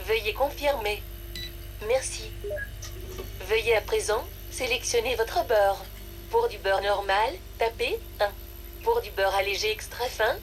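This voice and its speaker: A woman's voice: on the high side, a little hiss or hum. A woman voicing a glitchy female automated sandwich-ordering machine that reads menu prompts and wanders off script. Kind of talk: comedy sketch parody of a voice menu.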